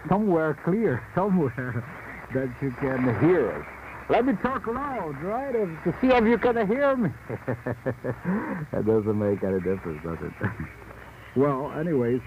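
A male radio announcer heard over a fading shortwave broadcast, talking informally on air in a halting way with many pauses and fillers. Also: medium pitch, very animated. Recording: muffled shortwave radio with static.

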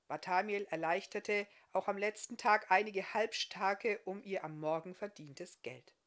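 A woman author reading her fairy-tale novel aloud in an expressive, lively storytelling manner. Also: medium pitch, a little slow.

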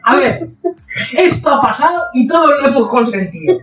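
A man's voice: very high-pitched, expressive, normal speed. Swearing man in mock outrage. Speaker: podcast co-host. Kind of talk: casual podcast chat. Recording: roomy, distant, dull, crowd behind.

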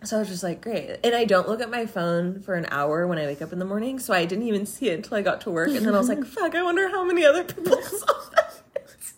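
A woman's voice: medium pitch, fast talker, few pauses. A young woman co-hosting a podcast, telling stories in casual chat and laughing often. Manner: chatty storytelling, laughing often. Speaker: podcast co-host.

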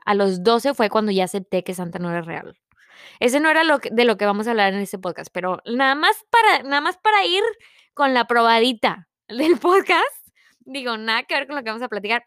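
A young woman hosting her own podcast, chatting fast and rambling, with lots of fillers. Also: fairly high pitch, a bit bright, smooth, dry recording, clean studio sound. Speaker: podcast host. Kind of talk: casual solo podcast chat. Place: home in Dallas.

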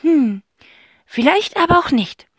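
A woman voicing an excited, sharp-witted girl detective in a children's audiobook. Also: high voice, measured pace, no room sound, clean studio sound, voice pushed up.

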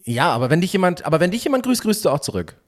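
Middle-aged man, podcast co-host, animated casual chat, fairly high voice. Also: rapid-fire. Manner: animated, laughs often.

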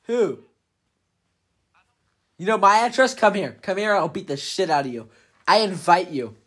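A man's voice: high-pitched, breathy edge. A young man chatting and taunting others over game voice chat. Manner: animated, joking, quick to taunt. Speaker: gamer in voice chat. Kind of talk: casual gaming chat.

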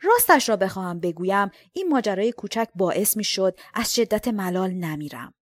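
A woman's voice: mid-range voice, expressive, no room sound. A woman reading a novel aloud in first person, with a dry, sardonic storytelling manner into a close mic. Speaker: audiobook reader.

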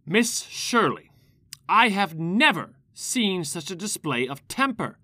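Stern schoolmaster, low sharp voice, clipped and formal, old-time classroom drama. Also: female voice, sing-song, slow pace, no echo, clean studio sound, full character voice. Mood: stern, scolding. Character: stern, strict male village schoolteacher. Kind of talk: period audio drama acting.

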